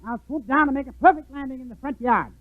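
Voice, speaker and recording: Very high-voiced, zany professor. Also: male voice, fast talker, dry recording. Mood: blithely daffy. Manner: daffy, blithely matter-of-fact. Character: zany, scatterbrained male professor and inept amateur pilot. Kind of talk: 1940s radio comedy acting. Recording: tinny 1940s radio broadcast, faint noise.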